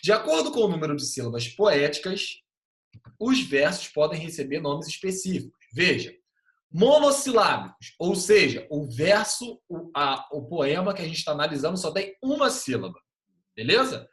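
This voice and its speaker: A man teaching an online class in a lively way, often checking in with quick tag questions. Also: on the high side, echoey room.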